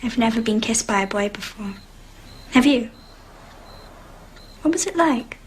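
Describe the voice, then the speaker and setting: A woman's voice: on the high side, lively intonation, unhurried, slight background noise. A young woman playing a chatty, confident twelve-year-old schoolgirl in a film drama, eager and playful. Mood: playful, confiding. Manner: eager, talkative. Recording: film soundtrack with loud music.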